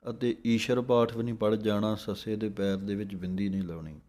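Male recitation teacher, low voice, slow drawn-out chanting of verses with patient explanations. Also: level tone, a little mellow. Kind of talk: slow recitation lesson with pronunciation notes.

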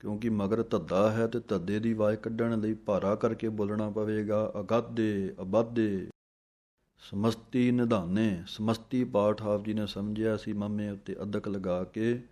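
A man teaching correct pronunciation of scripture. He chants the verses slowly, then explains the spelling in a quick, plain way. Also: on the low side, little pitch movement, warm tone. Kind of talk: pronunciation lesson with slow chanted recitation.

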